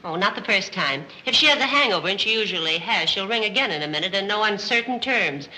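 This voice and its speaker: An actress playing a world-weary maid who trades deadpan screwball comedy banter in a 1930s film. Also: female voice, medium pitch, fast talker. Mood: deadpan, sardonic. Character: wisecracking, world-weary, sharp-tongued household maid. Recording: noisy old 1930s film soundtrack.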